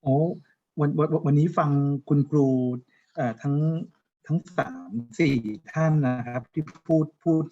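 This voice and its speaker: Man on a video call, polite and halting, a little higher voice, muffled lo-fi sound. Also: steady tone, darkish tone. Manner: polite, hesitant, many fillers and restarts. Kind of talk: casual meeting chat. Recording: dull lo-fi call audio.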